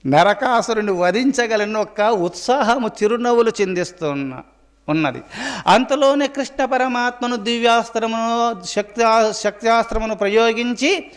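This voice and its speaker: A man, a swami, telling a devotional story as a sermon and slowing into drawn-out chanted verses. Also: very high-pitched. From India. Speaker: swami giving a religious discourse. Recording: long hall reverb.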